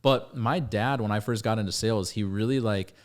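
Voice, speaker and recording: A man's voice: fairly low pitch, a little fast. A man hosting a podcast in a casual, emphatic, motivational way, swearing freely. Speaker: podcast host.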